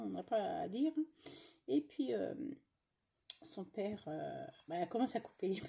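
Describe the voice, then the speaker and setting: A middle-aged woman from France talks on while she stitches, rambling and grumbling between fillers. Her voice is husky and a little breathy. Her pitch swings up and down a lot as she complains and laughs her way along. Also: mellow. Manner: chatty, grumbling, lots of fillers and asides. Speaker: cross-stitch vlogger. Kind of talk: casual chat while stitching.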